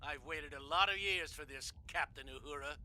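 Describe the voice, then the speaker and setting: Male admiral, villainous, acted by a man: piercing, high, self-important, barks orders, sci-fi radio play. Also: normal speed, sharp tone. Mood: angry, gloating. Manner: barking, scornful. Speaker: voice actor. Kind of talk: science fiction audio drama acting.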